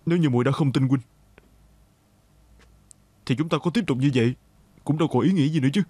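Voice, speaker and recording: A man voicing an earnest, husky young hero. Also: mid-range voice, fast talker, warm tone, no room sound, close to an everyday voice. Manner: earnest, reproachful. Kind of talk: dubbed TV drama.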